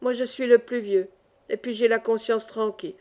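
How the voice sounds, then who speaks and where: A calm, steady old schoolmaster-miner in a storybook reading, voiced by a woman narrator. He speaks in a measured, resigned way. The voice sits fairly high. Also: lightly acted.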